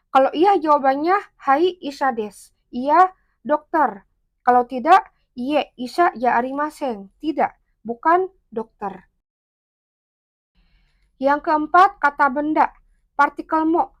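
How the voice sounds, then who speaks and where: A woman teaching Japanese grammar, patiently going over each example word by word with its meaning. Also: sits high. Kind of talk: explaining grammar step by step.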